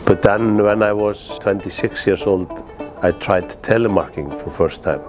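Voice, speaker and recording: A middle-aged man from Iceland's East Fjords reminisces during a documentary interview, speaking halting, plain, non-native English with an Icelandic accent. His voice sits on the low side, and guitar music plays behind him.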